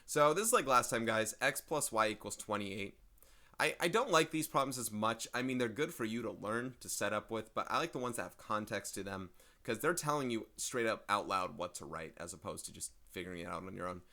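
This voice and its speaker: Male math teacher, casual lesson voice: slightly low, gravelly, bright, chatty and self-interrupting. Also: expressive, fairly quick. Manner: chatty, thinks aloud, often apologizes and clears his throat. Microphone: desk microphone.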